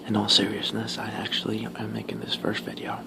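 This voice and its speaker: A man whispering casual ASMR talk while chewing gum, pausing between short, halting phrases. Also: on the low side, completely flat delivery, creaky. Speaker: ASMR video creator.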